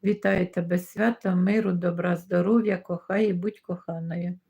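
A woman's voice: lowish voice, fairly even intonation, moderate pace, creaky, mellow, slightly rough, lo-fi sound. A middle-aged woman hosting a live stream, reading out viewer comments and greeting each viewer by name in a casual chat. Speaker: livestream host reading chat.

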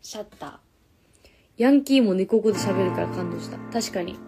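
A woman's voice: medium pitch, moderate pace, music in the background. A young woman in her apartment, chatting casually on a live stream between karaoke songs, reading viewer comments aloud and keeping her voice down for the neighbours. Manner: keeps her voice down so the neighbours do not complain. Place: her apartment, corner room.

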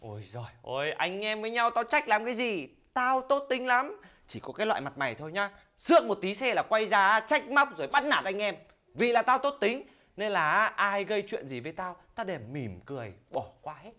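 A man's voice: sits high, very animated, brisk, sharp tone, heavily acted. A young man, acting a brash, bossy friend in a comedy sketch. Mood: smug. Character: cocky young man, loud bully of a friend. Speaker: actor.

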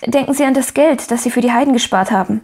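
Fast-talking and husky, a woman voices a cheerful, optimistic little orphan girl. The character pleads and speaks eagerly in a raised, bright, higher voice.

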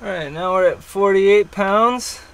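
High-voiced man explaining engine repair. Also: a little slow, creaky, slight background noise, rough recording. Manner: chatty, explanatory, self-deprecating. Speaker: sailor rebuilding a boat engine. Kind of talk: casual how-to narration. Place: cramped boat engine bay below deck.

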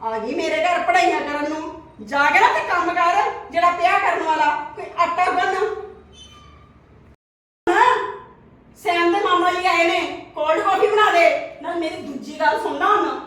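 A woman's voice: very high voice, moderate pace, a bit bright. An actress playing a scornful rich woman who taunts her maid's daughter with mocking laughter. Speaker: actor in a short family drama. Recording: echoey room, voice from a distance.

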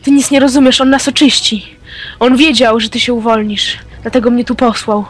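A performer voicing a former friend who now serves a dark lord as a fanatic, talking in a menacing, preachy way in a Minecraft role-play. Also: medium pitch, little pitch movement, normal speed, lightly acted. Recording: game music playing behind.

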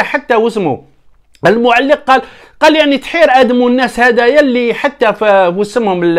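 A young man with an Algerian Arabic accent, rambling animatedly through a casual football commentary vlog and addressing his viewers as brothers. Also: sits high. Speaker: football vlogger.

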